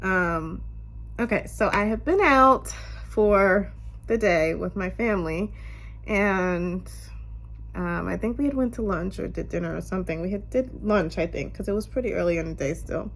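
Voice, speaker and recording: A young vlogger with a congested, slightly nasal voice tells a casual story time to her camera on a tripod at home. Her medium-pitched voice moves at normal speed with a bit of brightness, and she's chatty, full of "um" and "you guys", with slight background noise.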